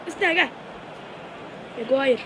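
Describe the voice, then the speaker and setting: A streamer giving casual commentary while playing a mobile football game, excitable and swearing and shouting at their own players, voice going hoarse. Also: high-pitched, unhurried, slight background noise.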